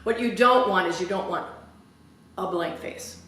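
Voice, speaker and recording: A woman whose voice is lowish and a bit bright gives an instructional public speaking lesson at a church hall podium. She is deliberate and careful, clearly articulating every word. The recording, from a far-off camera, is very echoey with faint noise.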